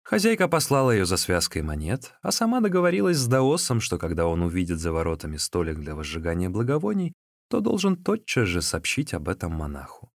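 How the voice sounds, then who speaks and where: A man's voice: low-pitched, huge pitch swings, fairly quick, vocal fry, dry recording, studio quality. A man reading a classic novel aloud as narrator, expressively. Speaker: audiobook narrator. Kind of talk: scripted narration.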